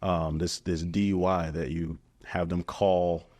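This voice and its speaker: A man's voice: deep voice, little pitch movement, unhurried, a little mellow. A man hosting a podcast, speaking in an earnest and reflective way in a casual interview. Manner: earnest, reflective, calls the guest brother. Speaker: podcast host.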